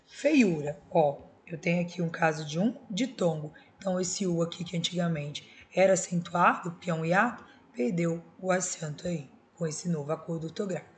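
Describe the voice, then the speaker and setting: A woman's voice: lowish voice, fairly quick, hardly any pauses, a little hiss or hum. A Brazilian woman teaching a Portuguese class, explaining grammar rules step by step and checking in with her students. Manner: explains step by step with tag questions. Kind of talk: recorded school video lesson.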